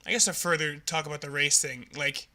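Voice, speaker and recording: A young man with a very bright, slightly high voice, talking through a movie review in loose, frank podcast chatter. He laughs easily and keeps it casual. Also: steady tone, fairly quick. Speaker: podcast co-host.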